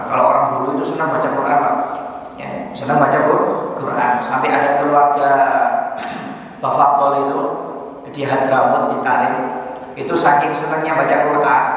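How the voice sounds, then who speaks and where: A man from Indonesia giving a religious lecture at a mosque study circle, telling stories with mounting excitement and dotting his talk with "ya". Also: on the high side. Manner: storytelling with rising excitement and repeated "ya". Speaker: preacher leading a study circle. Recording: echoey mosque hall, far from mic.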